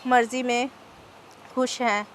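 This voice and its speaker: A woman reading the lines of a joyful, emotional young husband in a storybook novel, in a flat, even reading voice. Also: a little high, slow, slight background noise.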